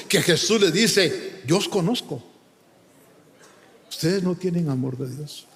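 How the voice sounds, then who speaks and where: A man's voice: fairly high pitch, gravelly. A man preaching a sermon with emphatic delivery, often calling out to his listeners as brother and breaking into sung lines. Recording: long hall reverb.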